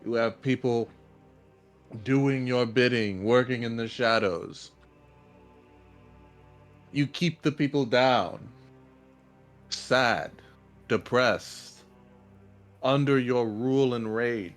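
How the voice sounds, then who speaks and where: A man's voice: medium pitch, takes it slowly, pauses often, natural voice. A man playing a grave, defiant hero in a tabletop game, speaking in a solemn, declamatory way. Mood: solemn, accusing. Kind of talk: in-character tabletop role-play speech. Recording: music behind the voice.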